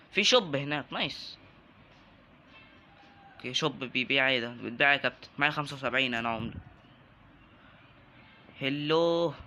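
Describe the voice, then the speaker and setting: A man's voice: medium pitch, a little hiss or hum. A young man with an Egyptian Arabic accent, commenting casually on a video game he is playing, joking and yelping at enemies. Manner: jokey, bursts into excited yelps at enemies. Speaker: gaming YouTuber. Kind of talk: let's-play commentary.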